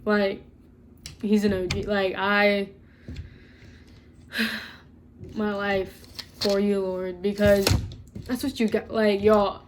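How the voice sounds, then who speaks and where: A woman's voice: medium pitch, level tone, slow, pauses often, a little hiss or hum. Earnest, chatty young woman vlogging. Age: young adult. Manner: chatty and earnest, addresses viewers as y'all, lots of "like". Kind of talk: casual faith vlog, talking to camera.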